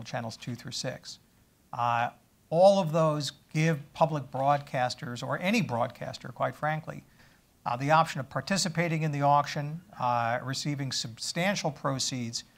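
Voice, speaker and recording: A middle-aged man, a government official on a conference stage, answering audience questions in a measured, halting way with many fillers. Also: medium pitch, gravelly, a bit bright. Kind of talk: panel Q&A answers.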